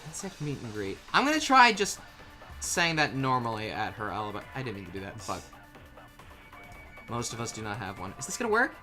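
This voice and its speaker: A man with a mid-range voice and wildly swooping pitch talks a little fast while playing and fan-dubbing a video game. He switches between casual group banter and reading lines, with game music playing behind him.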